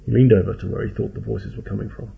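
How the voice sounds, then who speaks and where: A man's voice: on the low side, fairly even intonation, fast, creaky, husky. A man narrating a story in a dry, wry way, in a tinny phone-like recording. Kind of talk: audiobook narration.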